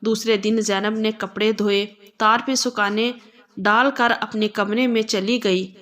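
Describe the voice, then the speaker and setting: A woman narrating a scripted romantic family story, in a calm, even storytelling manner. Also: mid-range voice.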